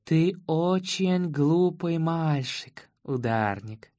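A man voicing a calm, mocking female villain who speaks with a strange accent in a condescending, unhurried way. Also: fairly high pitch.

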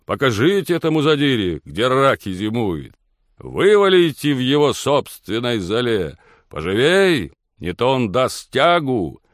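A man voicing rowdy young aristocrats who shout mocking encouragement from a carriage in an audiobook reading. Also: medium pitch, very animated, unhurried, no echo, studio quality, voice pushed up. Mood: jeering. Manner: loud, mocking cheers.

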